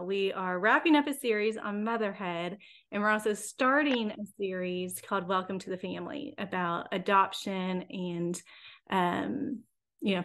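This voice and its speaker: A woman hosting a podcast, asking gentle, encouraging questions in a soft-spoken way. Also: medium pitch. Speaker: podcast host. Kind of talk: conversational interview.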